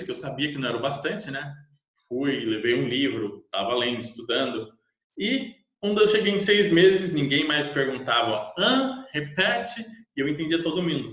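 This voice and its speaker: A young Brazilian man, an English teacher, telling a lively self-mocking personal story in casual Portuguese. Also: on the high side. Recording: echoey room.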